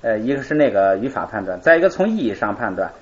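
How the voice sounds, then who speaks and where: A man's voice: fairly low pitch, big pitch swings, fast, lo-fi sound, slight background noise. A male teacher explaining grammar in a live class, asking questions and answering them himself.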